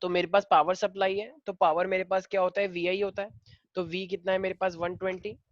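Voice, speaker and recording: A man's voice: sits high, flat delivery, a little fast, dry recording, muffled recording. Hindi-teacher man quizzing his class. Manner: mixes Hindi and English, drills students with questions. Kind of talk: online class problem-solving.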